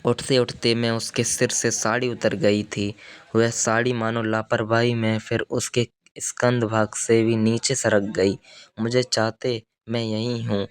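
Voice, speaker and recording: Low, flat male audiobook narrator. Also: smooth. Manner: measured, even literary reading. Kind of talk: scripted narration.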